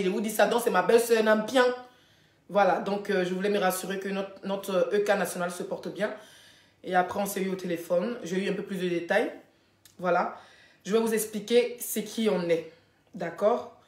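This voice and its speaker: Animated high-voiced woman. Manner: animated storytelling, frequent laughter, asides to viewers. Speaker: live video host. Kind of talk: casual live chat to viewers. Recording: echoey room.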